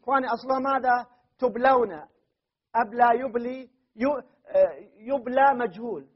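A man's voice: very high voice, moderate pace. A man teaching a classroom grammar lesson. He drills word forms aloud again and again and keeps checking with his students. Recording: dull lo-fi classroom recording.

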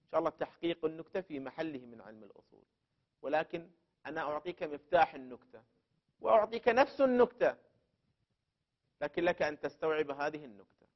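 A man with a high voice gives a methodical classroom lecture. He poses questions to his listener, then answers them by restating each term several times. The recording sounds dull and lo-fi. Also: animated, fast talker, pauses often. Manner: explains step by step, repeating terms for emphasis; addresses the student directly and poses questions. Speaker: teacher of jurisprudence principles.

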